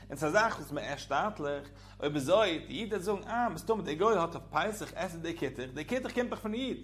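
A man's voice: sits high, fairly bright tone, a little hiss or hum. A man giving a religious law lesson in a sing-song, swooping teaching cadence.

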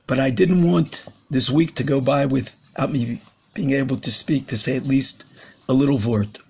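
A man with a hoarse, worn-out voice giving a short religious teaching, emphatic and repeating phrases, mixing Hebrew terms into English. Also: mid-range voice, normal speed, a little mellow. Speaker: rabbi, podcast host.

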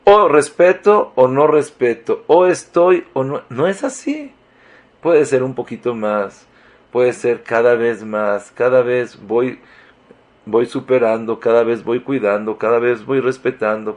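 Animated man giving a religious talk. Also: mid-range voice. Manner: animated, swings between loud emphasis and soft asides; uses Hebrew religious terms.

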